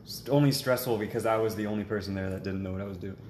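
A young man in casual podcast chat, teasing his friend in a dry, deadpan way. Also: fairly low pitch, rapid-fire. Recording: echoey room with faint ambient noise.

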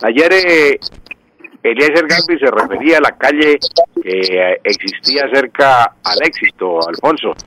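A man with a Santander Colombian accent who answers listeners' questions on the radio like a teacher. He speaks slowly, repeats key words and pauses on "eh" fillers. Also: mid-range voice, animated, fairly bright tone, no room sound. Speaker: language and local history expert on radio. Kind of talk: radio call-in explanation.

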